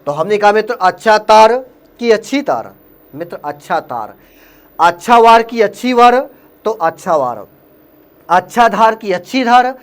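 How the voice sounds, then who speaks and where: A man's voice: sits high, lively intonation, a little slow. A man from Uttar Pradesh teaching Hindi grammar for an exam, speaking with a Hindi accent. He keeps asking quiz questions and then answers them himself. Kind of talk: exam-prep lesson.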